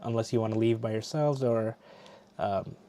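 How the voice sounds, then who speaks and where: Chatting loosely on his live stream, a middle-aged Bangladeshi host often starts his sentences over. He speaks at a moderate pace in a fairly low, mellow voice, with a slight hiss or hum.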